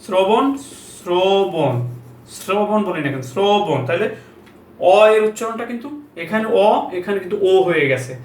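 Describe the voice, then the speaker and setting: High-voiced man teaching in an echoey room. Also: animated. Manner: repeats example words slowly, asks rhetorical questions. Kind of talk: Bengali pronunciation lesson. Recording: echoey room, mic at a distance, faint ambience.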